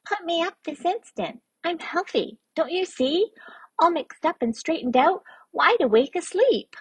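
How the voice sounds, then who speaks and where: A woman doing a squeaky little snore creature. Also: expressive, unhurried, no room sound, heavily acted, rough recording. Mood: cranky. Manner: squeaky, fussy backwards talk. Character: small fluffy blue male snore creature, cranky and mixed-up.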